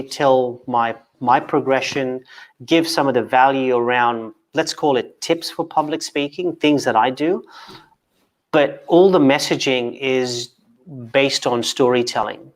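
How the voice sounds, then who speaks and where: On a relaxed video call chat, a Kenyan-raised guest who speaks English as a second language talks at a measured pace in a medium-pitched male voice. He often repeats himself and stutters into fresh starts.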